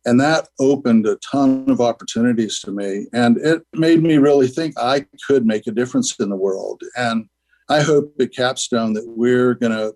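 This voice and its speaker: Earnest older man, rambling gently. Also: medium pitch, poor audio. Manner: earnest, rambling, many "you know" fillers. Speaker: guest, school founder. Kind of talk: radio interview.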